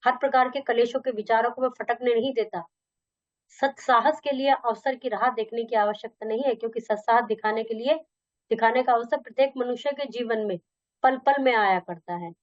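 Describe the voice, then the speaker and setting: A woman's voice: fairly high pitch, moderate pace, no echo. A young woman teaching a Hindi lesson, reading textbook lines and explaining them in casual Hindi with some English. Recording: dull dry lo-fi recording.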